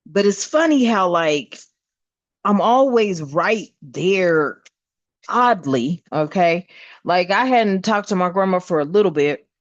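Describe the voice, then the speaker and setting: A woman's voice: fairly low pitch, lively intonation, slow pace, no echo. A woman giving a casual spiritual tarot reading, talking bluntly and emphatically and swearing often. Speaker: tarot reader. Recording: dull lo-fi dry sound.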